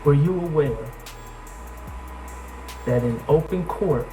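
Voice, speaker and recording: A man working as a defense attorney, cross-examining a witness in court with measured, pointed questions that often end in "correct?". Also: fairly high pitch, dark tone, faint music behind, rough recording.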